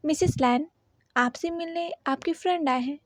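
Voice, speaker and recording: A shy, polite female housekeeper who hesitates before speaking, as a woman narrator puts her on. High and dry, recorded close for a storybook reading. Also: moderate pace, no echo, natural voice.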